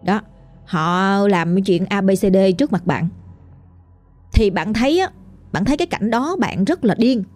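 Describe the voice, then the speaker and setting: A woman's voice: medium pitch, lively intonation, normal speed, pauses often, a little mellow, faint music behind. A woman with a Southern Vietnamese accent narrating a ghost story in a chatty, colloquial way, addressing the listener directly.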